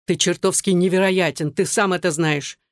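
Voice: mid-range voice, fairly even intonation, normal speed, no echo, studio quality, lightly acted. A reader doing a defiant young man. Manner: argumentative, raised voice. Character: young man, defiant military academy graduate. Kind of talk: audiobook reading.

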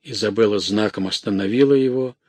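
A man narrating a classic novel as an audiobook, reading in a dramatic, expressive way. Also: lowish voice, brisk, breathy edge, dry recording.

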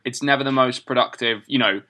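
A man from southern England co-hosting a casual political comedy podcast. His voice is bright and sharp, and he talks in quick, sarcastic bursts broken up by giggles. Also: mid-range voice, steady tone. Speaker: podcast co-host.

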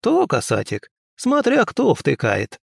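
A man's voice: on the high side, sing-song, measured pace, gravelly, dry recording, clean studio sound, voice pushed up, heavily acted. A man voicing a shrewd, bossy old village wise woman with a folksy, scolding manner. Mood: cooing. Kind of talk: audiobook character voice.

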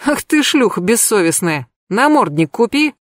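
A quarrelsome young woman shrieks insults in a high, piercing voice, as a woman narrator puts her on. The sound is dry and close, typical of a storybook reading. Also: big pitch swings, moderate pace, no echo. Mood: shrill fury. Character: brash jealous young woman, shrill and quarrelsome.

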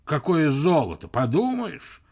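A man's voice: on the high side, big pitch swings, measured pace, a little mellow, voice pushed up, exaggerated voice. A man doing a scoffing provincial wife.

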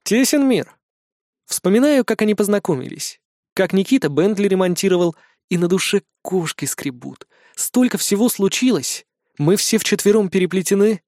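Male audiobook narrator, high voice, dry close sound, steady storytelling. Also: normal speed, dry recording.

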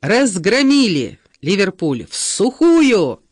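Audiobook bit: woman reading a jittery, too-loud male math teacher, bouncy pitch. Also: huge pitch swings, takes it slowly, slightly rough, no room sound, studio quality, exaggerated voice. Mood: boisterous. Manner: blurting, yelps louder than needed.

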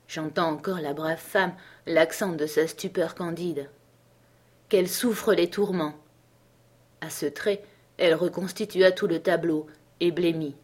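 A woman narrating an audiobook in a measured, dramatic reading voice. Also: fairly low pitch, fairly even intonation, a little mellow. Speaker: audiobook reader.

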